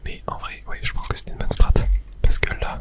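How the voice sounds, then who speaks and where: This gaming streamer keeps everything to a soft, breathy whisper with no voiced tone at all. It's ASMR gameplay commentary, murmured briskly as she thinks aloud.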